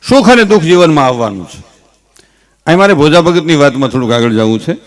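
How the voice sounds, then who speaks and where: A man with a Kathiawadi Gujarati accent, a stage comedian mixing folksy, animated stories with earnest advice. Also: a little high, quick pace. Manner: folksy, animated storytelling with gestures; earnest advising. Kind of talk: humorous stage talk with advice.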